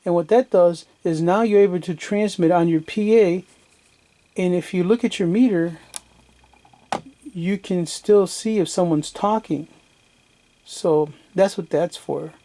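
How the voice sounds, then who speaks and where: Unhurried and taking long pauses, a man with a high, warm voice gives a plain-spoken, step-by-step demo of radio gear, the way a hobbyist shows how it works. The recording is noisy, carrying radio static and background noise.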